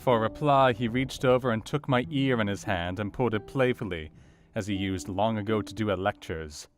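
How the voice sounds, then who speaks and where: An actor playing an earnest, educated Victorian doctor, narrating his diary in a measured, formal way for an audio drama. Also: on the low side, natural voice. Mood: sober, reflective. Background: soft guitar music.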